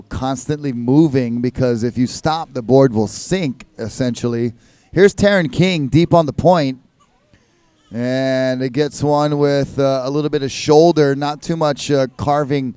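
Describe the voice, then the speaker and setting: A man's voice: mid-range voice, mellow, clear, resonant tone, no room sound. A man giving live sports commentary as a contest announcer, in a laid-back, casual surfer manner.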